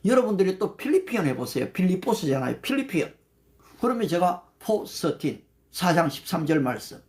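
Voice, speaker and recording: An older man leads a livestreamed prayer meeting, his voice rising and falling in a lively, animated way. He slows right down to recite Bible verses in English and thanks viewers by name as he goes. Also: sits high. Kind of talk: livestreamed devotional talk.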